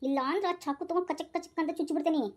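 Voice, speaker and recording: A woman's voice: very high-pitched, steady tone, racing, darkish tone. A woman voicing a scheming, cowardly male house thief in a cartoon, with a North Karnataka Kannada accent. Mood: threatening. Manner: sly, pleading when caught.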